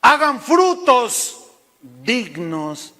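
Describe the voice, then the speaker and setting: A preacher playing a fiery male desert prophet who rebukes the crowd in a loud, drawn-out voice. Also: extremely high pitch, very animated, long reverb tail, voice pushed up, exaggerated voice. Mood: rebuking.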